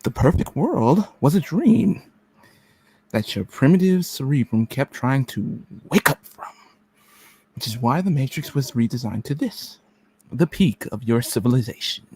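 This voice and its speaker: A man playing a cold, contemptuous machine agent in a radio play reading, speaking deliberately with menace and dropping into whispers. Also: medium pitch, sing-song, darkish tone, breathy edge, full character voice. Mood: smug menace.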